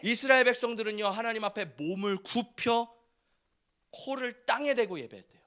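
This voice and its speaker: A male pastor preaching a fervent sermon in a church sanctuary, often breaking into shouts. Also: very high voice, normal speed.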